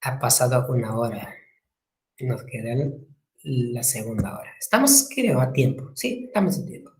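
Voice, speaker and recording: A man's voice: mid-range voice, lively intonation, moderate pace, roomy sound, slight background noise. A male language teacher giving a classroom lecture, repeating key terms, spelling words out and asking the class rhetorical questions.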